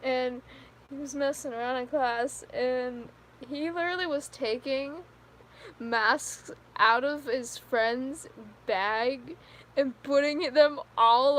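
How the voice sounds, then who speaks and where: A fifteen-year-old girl chatting on a live stream, telling rambling stories with lots of giggles and fillers. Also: high voice. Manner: giggly, rambling storyteller with many "like"s. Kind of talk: casual live stream chat with viewers.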